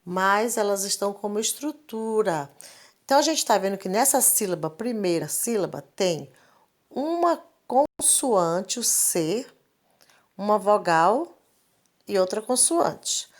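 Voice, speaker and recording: A woman's voice: medium pitch, lively intonation, takes it slowly. A woman, teaching a recorded literacy lesson and patiently repeating each point. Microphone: screen recording, device mic.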